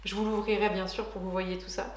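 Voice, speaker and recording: A woman's voice: medium pitch, flat delivery, fast, echoey room, slight background noise. A woman beauty vlogger chatting casually and enthusiastically through a product unboxing, with frequent hesitations.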